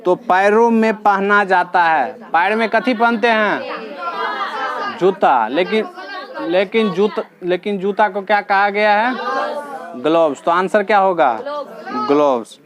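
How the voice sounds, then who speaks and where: Slow-talking teacher. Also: male voice, sits high, crowd noise. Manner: slow, patient, addresses students directly, repeats answers. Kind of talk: classroom lesson explaining reasoning questions. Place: classroom with students.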